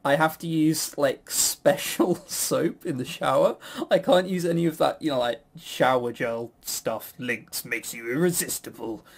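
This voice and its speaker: This podcast co-host and quizmaster has a husky, gravelly mid-range voice, speaking unhurriedly with hardly any pauses. He banters casually, rambling, joking at his own expense, and swearing offhandedly.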